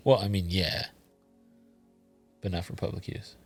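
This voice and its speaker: A man's voice: low-pitched, fairly even intonation, a little slow, faint music behind. A man co-hosting a podcast, chatting casually and trading teasing jokes. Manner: joking, teasing banter. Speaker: podcast co-host. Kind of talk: casual chat.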